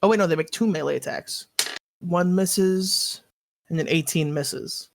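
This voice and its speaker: Low-voiced woman running the game. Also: measured pace, creaky, a little hiss or hum. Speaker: game master. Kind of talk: narrating a tabletop game.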